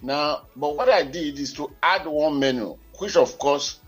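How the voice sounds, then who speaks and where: A man's voice: a little high, unhurried, slightly rough, faint music behind. A Nigerian man co-hosting a radio current affairs show, heard over a telephone line, talking in a formal, wordy and digressive way. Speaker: radio talk show co-host.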